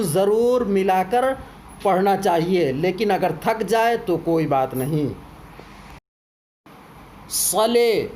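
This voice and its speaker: High pitched guy teaching a lesson, walks through examples step by step, faint background hum. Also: darkish tone. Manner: explains step by step with spoken examples. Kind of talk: explanatory lesson.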